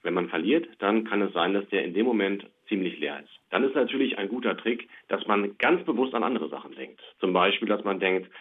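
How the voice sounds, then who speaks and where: A child psychiatrist, interviewed as an expert over the phone, speaks a little fast with hardly any pauses. His voice is on the low side with lively intonation, and he keeps things simple and plain with small spoken examples. The phone line is tinny and narrow.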